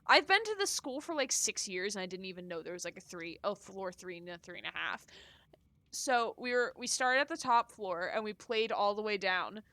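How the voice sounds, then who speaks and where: A woman's voice: medium pitch, animated, normal speed, sharp tone, no room sound. A woman streamer chatting casually and rambling while playing and reading a game. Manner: chatty, rambling, laughs often. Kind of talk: casual live-stream chat.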